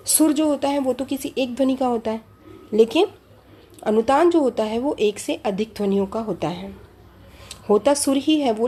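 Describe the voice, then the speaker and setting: A woman with a fairly high but dark-toned voice lectures on Hindi phonology. She explains step by step, repeats key terms, and asks rhetorical questions.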